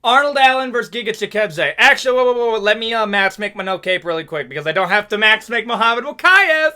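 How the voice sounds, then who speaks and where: Animated high-voiced male fight commentator. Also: quick pace. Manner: animated, joking, says "okay?" and "bro" often. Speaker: MMA commentary YouTuber. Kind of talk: casual fight recap commentary.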